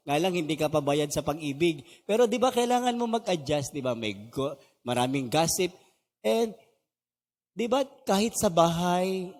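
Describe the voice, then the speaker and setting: A man's voice: on the high side, darkish tone. A middle-aged male pastor giving a conversational values seminar, asking his audience questions and mixing in English phrases. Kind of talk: seminar lecture to a live audience. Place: meeting hall with an audience. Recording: reverberant hall.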